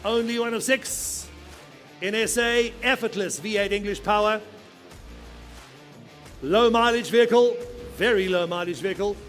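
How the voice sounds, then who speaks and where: A male auctioneer runs a live sale in a very high-pitched voice. He is commanding and insistent, chanting figures and pressing for bids. Music plays behind him. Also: unhurried, long pauses, fairly bright tone. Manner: insistent, commanding, urging bidders. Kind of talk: live auctioneer chant, rapid repeated bid calls.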